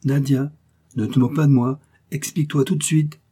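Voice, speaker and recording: A man's voice: mid-range voice, steady tone, moderate pace, mellow, husky, pitched above the performer's own voice, close to an everyday voice. A man doing a blustering old prince. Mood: protesting. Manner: exclaiming, indignant. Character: blustering older aristocratic father, quick-tempered.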